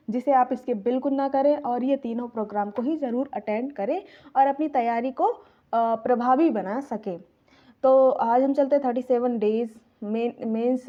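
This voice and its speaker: High-voiced woman tutoring, dull lo-fi sound. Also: mellow. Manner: repeats phrases, frequent "uh" fillers and tag "है ना". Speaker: civil services exam tutor. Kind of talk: spoken exam answer walkthrough.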